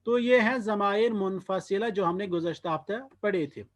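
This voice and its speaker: A man teaching Arabic grammar in Hindi, saying each word form slowly and then explaining its meaning. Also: sits high. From Kashmir, India. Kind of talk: slow spoken lesson drilling word forms.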